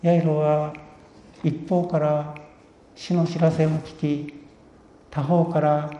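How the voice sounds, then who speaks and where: Male pastor, earnest measured sermon, mellow tone, echoey lo-fi room. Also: a little high. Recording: echoey room, dull lo-fi sound.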